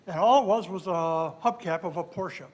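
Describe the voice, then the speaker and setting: A man's voice: high voice, moderate pace. A man speaking as an audience member at a live event, casually sharing a personal story.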